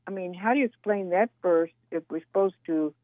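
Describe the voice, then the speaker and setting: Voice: mid-range voice, a little fast, no room sound. A radio show host who eagerly affirms the guest and asks follow-up questions. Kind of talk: radio call-in talk show. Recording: tinny phone-like radio audio.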